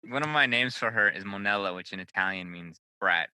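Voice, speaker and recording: A man's voice: lowish voice, lively intonation, a little fast, sharp tone, smooth, no room sound, low-quality recording. A man co-hosting a casual podcast, rambling and swearing freely with lots of filler words. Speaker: podcast co-host.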